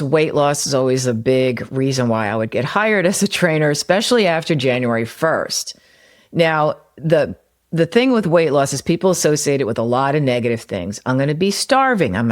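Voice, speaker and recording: A woman hosting a solo podcast, explaining marketing ideas in a conversational way with everyday examples. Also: low voice. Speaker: podcast host and copywriter; former personal trainer.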